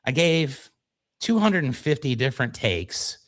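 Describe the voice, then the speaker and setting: A male co-host chats casually in a mid-pitched voice. He spins stories with self-deprecating, mock-dramatic delivery, in radio-show banter style. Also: very animated, measured pace.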